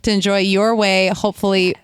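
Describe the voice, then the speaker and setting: Bubbly woman co-host, smooth and dry, laughs often. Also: medium pitch, little pitch movement, fairly quick, no echo. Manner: giggly, bubbly, chatty. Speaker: podcast co-host. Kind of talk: casual chat.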